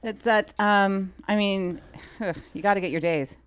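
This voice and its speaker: A woman with a mid-range voice speaks a little slowly while a crowd murmurs behind her. She's a film assistant director appearing as a guest in a relaxed interview, animatedly telling anecdotes, acting out dialogue and saying "like" a lot.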